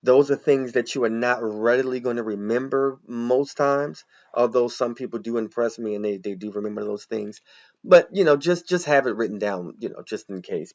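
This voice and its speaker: A man's voice: on the low side, a little mellow, muffled recording. A man in his forties, an accountant, chatting casually as he thinks aloud through a walkthrough and talks to viewers directly.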